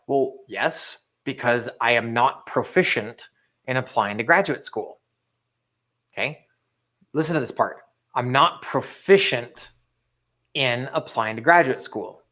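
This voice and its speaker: On a live motivational show, the young co-host reads out chat comments with eagerness in a relaxed, conversational way. His voice is mid-range and a bit bright.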